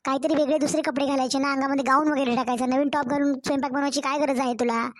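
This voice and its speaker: A woman's voice: high voice, flat delivery, very fast, close to an everyday voice. Woman doing a taunting Marathwada sister-in-law. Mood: needling. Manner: taunting, nagging, needling. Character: sharp-tongued married sister-in-law, taunting. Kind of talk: cartoon family story acting.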